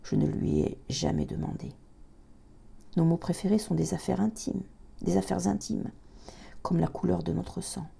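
A woman reading a novel aloud, slow and dramatic, sinking into a breathy hush in tense passages and stumbling and correcting herself now and then. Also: on the low side, very animated. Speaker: reader of a novel.

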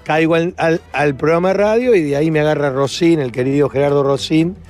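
A man with an Argentine accent tells stories as a guest, his voice sitting somewhat higher than most. He is lively and laughs often. Now and then he acts out the voices of the people in his stories. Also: fairly quick, soft background music. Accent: Argentine Spanish. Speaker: comedian guest. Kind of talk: casual anecdote-telling.

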